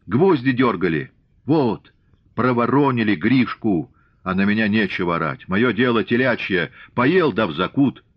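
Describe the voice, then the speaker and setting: Man doing a hot-tempered young Cossack, defiant, shouting back, low voice, dull recording. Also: no room sound.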